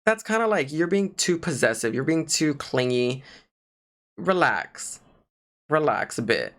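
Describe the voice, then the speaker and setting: A man's voice: fairly high pitch, measured pace. A young man co-hosting a casual podcast, talking in a rambling way full of "like" fillers. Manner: rambling, lots of "like" fillers, animated. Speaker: podcast co-host. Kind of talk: casual chat.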